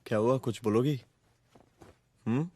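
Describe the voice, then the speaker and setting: An actor playing a calm, caring young man in a Hindi film dub, asking soft, concerned questions. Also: medium pitch, a little slow, close to an everyday voice.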